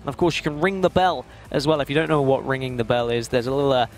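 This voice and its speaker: A man hosts an esports broadcast with quick, informal chat. He keeps things light and jokey in a medium-pitched voice. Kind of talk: casual chatty broadcast hosting.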